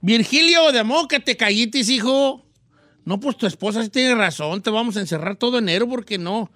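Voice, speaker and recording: A man's voice: extremely high pitch, lively intonation, moderate pace, pushed and bright, no room sound, studio quality, exaggerated voice. A man voicing a cheeky old rancher character with a Mexican accent, hosting a comic radio show and teasingly reading out listener greetings. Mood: mock-scolding. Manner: teasing, scolding, playful.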